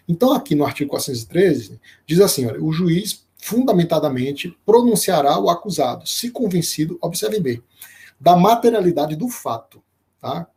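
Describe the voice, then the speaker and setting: A man teaching a live-streamed law lecture, explaining slowly with frequent fillers and restarts and pausing to greet viewers by name. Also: a little high, warm tone. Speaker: law professor.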